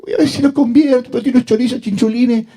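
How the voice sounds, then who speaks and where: A man voicing a lazy male churchgoer who whines and pleads in a high voice. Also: steady tone, quick pace, mellow. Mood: whining. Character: whiny lazy male churchgoer making excuses.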